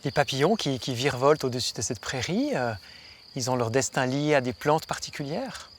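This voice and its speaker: A man's voice: medium pitch, lively intonation, brisk. A man presenting a documentary in a casual spoken style, recorded outdoors in the countryside. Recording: faint outdoor noise with insects. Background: faint insects and ambience.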